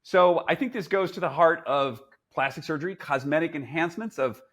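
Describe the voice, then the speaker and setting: A man's voice: a little high, fairly quick, a bit bright. A man in his sixties hosting a casual panel chat, asking questions to move the talk along. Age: 60s. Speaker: host.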